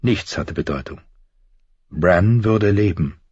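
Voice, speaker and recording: A man reading an audiobook in steady, measured narration. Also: low voice, slightly rough, dry recording. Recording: dry, dull lo-fi audiobook sound.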